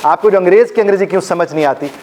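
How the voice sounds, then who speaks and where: Lively man lecturing a workshop. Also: sits high, rapid-fire. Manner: animated, demonstrates pronunciations, joking with the audience. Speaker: life coach and trainer. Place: seminar room with a live audience.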